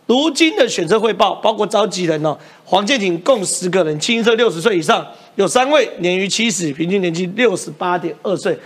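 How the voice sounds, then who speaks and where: A man's voice: high voice, fairly bright tone. A man with a Taiwanese Mandarin accent hosting a political talk show, arguing point by point with emphatic rhetorical questions. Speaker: host.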